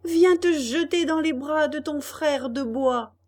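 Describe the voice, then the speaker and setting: A woman voicing a male puppet actor who declaims with theatrical, drawn-out shouting. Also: high-pitched, voice pushed up. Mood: dramatic.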